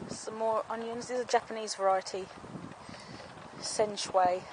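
A woman tours her allotment garden in a relaxed, homely manner, chatting and explaining as she films on a handheld camera without appearing on screen. Her slightly high voice keeps a steady tone and a somewhat slow pace. Background noise is clearly heard in the outdoor camera audio.

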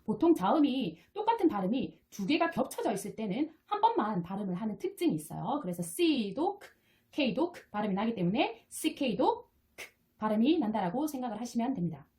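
A woman's voice: a little high, very animated, brisk. A woman teaching English phonics, explaining patiently step by step and repeating each sound. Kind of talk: explaining lesson. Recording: soft guitar music behind. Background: quiet guitar music.

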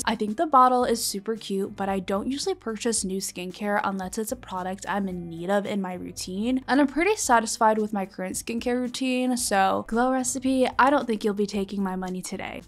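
A young woman in her twenties talking as a beauty vlogger, chatty and upbeat, calling viewers babes and friends. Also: mid-range voice. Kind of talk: shopping vlog voice-over.

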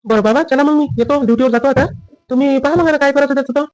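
A man playing a dutiful husband and son in a family drama skit, with a rapid, lecturing manner. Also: extremely high pitch, darkish tone, no echo, lo-fi sound.

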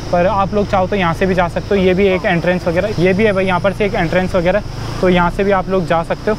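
Young male vlogger, high voice, chatty tour guide, handheld camera outdoors. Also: a little hiss or hum, rough recording. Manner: chatty, keeps calling viewers "bhai", pointing things out. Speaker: travel vlogger. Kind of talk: casual travel vlog walkthrough. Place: outdoors at a riverside tourist spot and in a cave. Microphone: handheld action camera at arm's length with a lapel mic.

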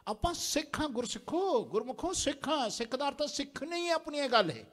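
A man's voice: very high-pitched, big pitch swings, brisk, fairly bright tone. A man preaching a sermon in a large temple prayer hall, exhorting the congregation and having them repeat lines after him. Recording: long hall reverb.

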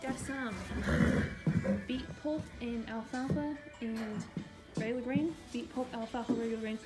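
A woman's voice: on the high side, steady tone, loud music behind the voice. A young woman chatting casually and teasing her friend in a horse barn, filmed on a phone. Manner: quick, offhand, teasing. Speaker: vlogger's friend. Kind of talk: casual chat. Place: indoors in a large horse barn.

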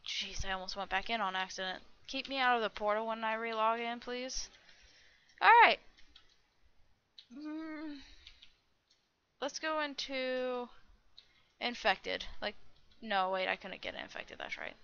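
A woman's voice: on the high side, measured pace, bright, forceful tone, smooth. A young woman hosting a gaming channel, rambling to herself through a Minecraft server review and squealing when attacked. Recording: dull lo-fi recording.

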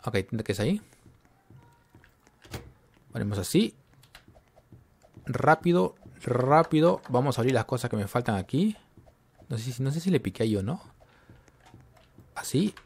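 A man's voice: mid-range voice, very animated, a little slow, pauses often, husky. A man giving casual gameplay commentary, talking to himself and getting jumpy and scared as he plays. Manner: jumpy, talks to himself while playing.

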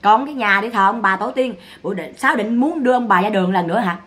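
A woman's voice: medium pitch, fast talker, fairly bright tone. A woman giving mocking, scolding gossip commentary. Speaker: online commentator.

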